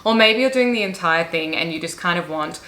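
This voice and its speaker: A woman's voice: on the low side, a little fast, pushed and bright. A young woman chatting casually in a day-in-the-life vlog, with hiccups now and then. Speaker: vlogger and interior designer.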